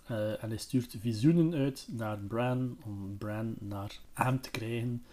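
A man's voice: on the low side, slow pace, mellow. A man casually retelling a book as a podcast host, hesitant and full of fillers. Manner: hesitant, many fillers, chatty.

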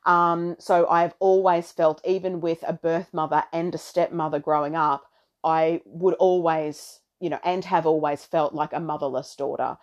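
Casting: woman, slightly low-pitched, effusive astrology host speaking off the cuff in rambling, intimate chat to followers. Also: steady tone, moderate pace, dull audio. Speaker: astrology podcaster and content creator. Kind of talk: casual spiritual monologue to followers. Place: bedroom, sitting on a bed.

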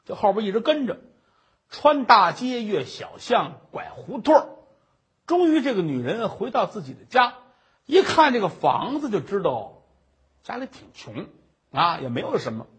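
A man telling a traditional comic story with animated, rhythmic narration and a raspy voice. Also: sits high, normal speed.

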